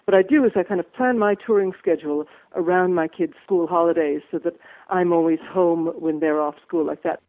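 A middle-aged woman with a mixed American and Irish accent, a musician chatting on a phone interview, upbeat and quick to laugh. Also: fairly low pitch. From USA. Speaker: musician guest. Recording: tinny phone line.

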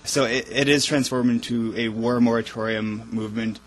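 A man's voice: mid-range voice, steady tone, moderate pace, rough recording. A young man giving an informal, wry speech about a campaign. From Wisconsin, USA. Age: young adult. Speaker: campaign speaker. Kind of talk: public speech.

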